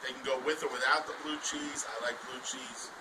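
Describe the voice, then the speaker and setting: A man's voice: medium pitch, fairly even intonation, fairly quick. Rambling man co-hosting, far and noisy. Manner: rambling, hesitant fillers. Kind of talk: casual talk show chat. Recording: distant, noisy room.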